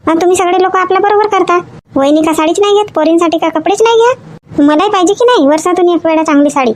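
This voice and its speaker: A woman acting in a comedy sketch, complaining and nagging in rapid chatter. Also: very high-pitched. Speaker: comic actor.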